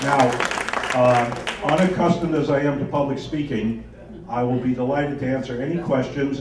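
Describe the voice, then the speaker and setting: An animated man addresses a seminar audience with folksy emphasis, punching key words. His voice is heard from a distance in an echoing room. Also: medium pitch, background noise. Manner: enthusiastic, emphatic, boastful-but-folksy. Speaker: author and seminar speaker. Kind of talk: seminar talk with audience questions. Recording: roomy echo, distant from the mic.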